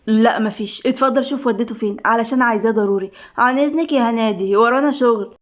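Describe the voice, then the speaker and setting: Snappish Egyptian woman, fast and high, bristling and sarcastic , as a narrator puts her on. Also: close to an everyday voice. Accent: Egyptian Arabic. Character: sharp-tongued older woman, wary and tense.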